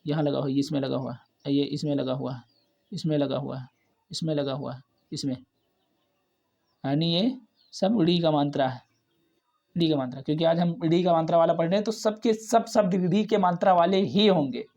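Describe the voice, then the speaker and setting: A man teaching a basic reading lesson, sounding out each syllable and repeating words several times in a slow, patient way. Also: on the high side, gravelly, a little mellow.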